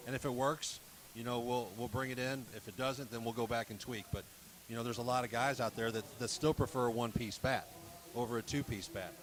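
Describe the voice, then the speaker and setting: A man's voice: medium pitch, steady tone, fairly quick, hardly any pauses. Man, bat rep, lots of "you know". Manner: fills talk with "you know" and "um". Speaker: bat company representative. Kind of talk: casual broadcast interview. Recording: crowd noise behind.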